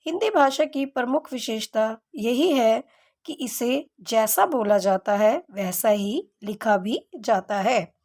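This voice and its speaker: A woman's voice: a little high, a little mellow. A woman teaching a grammar lesson to children, explaining correct spellings and asking and answering her own questions.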